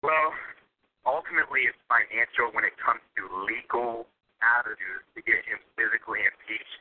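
A man giving intense, conspiratorial political commentary as a guest, emphatic and repeating phrases for stress. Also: mid-range voice. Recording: narrow tinny telephone line.

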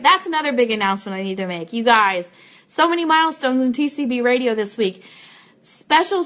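A woman's slightly high, fairly bright voice carries through an informal fan livestream she hosts from an office. She chats with viewers, sharing announcements and thanking them.

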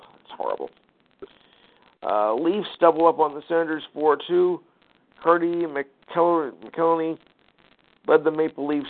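A man hosting a sports talk show, reading out scores and standings with casual asides and lots of fillers. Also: fairly high pitch. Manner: rattles off numbers with fillers, sighs and quick asides. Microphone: phone call line. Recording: tinny phone-line audio.

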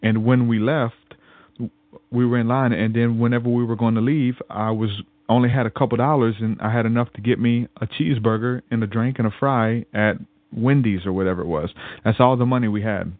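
A man with a mid-range, fairly even voice speaks briskly on a podcast, recounting his faith story in a loose, rambling way, often repeating himself and restarting sentences. The audio has no echo but a tinny, phone-like quality.

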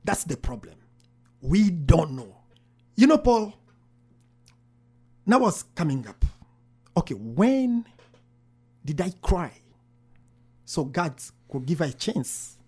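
A man's voice: a little high, sing-song, takes it slowly, long pauses, darkish tone, slightly rough. A man, a pastor, earnestly telling his story in an interview, often repeating phrases. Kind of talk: interview testimony.

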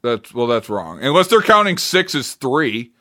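A man's voice: mid-range voice, moderate pace. A man co-hosting a podcast, arguing his side in a casual debate chat and swearing freely. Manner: animated, argumentative, swears casually. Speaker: podcast co-host.

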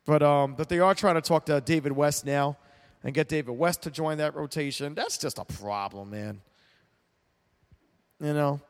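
With a clean tone and a somewhat high voice, this sports talk host speaks at normal speed and doesn't hold back his opinions. He rambles, restarts, and repeats words. The recording has a long, echoing reverb.

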